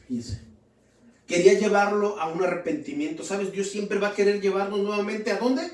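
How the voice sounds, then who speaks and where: Fervent high-voiced man preaching. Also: darkish tone. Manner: fervent, addresses listeners as brothers. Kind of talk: sermon. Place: church hall. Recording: roomy, distant from the mic.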